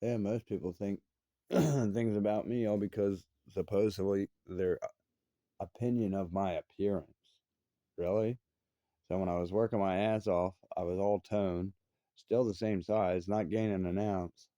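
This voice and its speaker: A man's voice: fairly low pitch, fairly even intonation, measured pace, mellow, no echo. A man in his thirties giving an angry, profane personal rant. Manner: profane, confrontational, heated. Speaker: vlogger.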